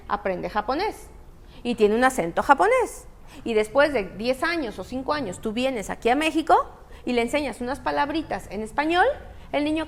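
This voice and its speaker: A woman's voice: sits high, gravelly. A woman giving a parenting talk to an audience. She asks questions and then answers them herself. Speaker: parenting speaker.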